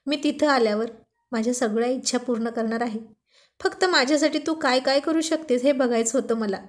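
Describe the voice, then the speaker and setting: A woman's voice: sits high, fairly quick, lightly acted. A woman doing a teasing young husband. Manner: teasing, mock-scolding.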